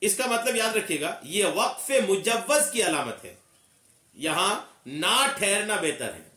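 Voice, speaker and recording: A man's voice: high-pitched, big pitch swings, measured pace, pushed and bright, echoey room, distant mic. A man teaching Quran recitation, explaining patiently, repeating key points and asking and answering his own questions. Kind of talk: religious lesson.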